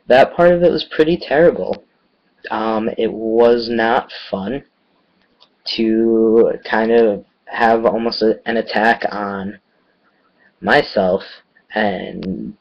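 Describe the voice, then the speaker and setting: A young man in his twenties frankly recounting a bad experience in a casual vlog, cursing freely and sounding aggrieved. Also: lowish voice. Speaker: student teacher. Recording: dull lo-fi home recording.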